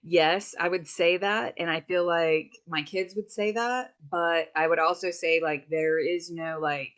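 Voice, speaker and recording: A woman's voice: lowish voice, fairly even intonation, a little slow, a bit bright. A middle-aged woman, a meditation teacher, speaking reflectively in a conversational interview with loose, rambling restarts.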